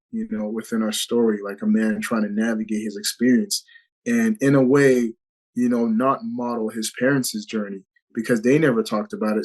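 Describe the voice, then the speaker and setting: A man speaks in a mid-pitched voice as a guest on a video call. He sounds earnest and reflective and often trails off with "you know." He talks loosely, as in casual conversation. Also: a little mellow, low-quality recording. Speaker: actor guest.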